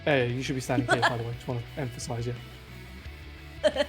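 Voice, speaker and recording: In a group voice chat, a raid leader walks through positions methodically and patiently, one step at a time. His ordinary mid-pitched voice keeps a steady tone at normal speed, with soft game music faintly underneath.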